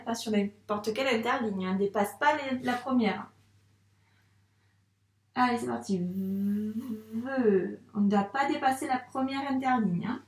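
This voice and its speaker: A woman teacher guides young children through a handwriting lesson in a patient, encouraging way, talking straight to the child. Her voice sits fairly high. The recording sounds roomy and echoey, with her standing a little away from the microphone. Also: recorded from a distance. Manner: slow, patient, encouraging, addresses the child directly. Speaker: first-grade teacher.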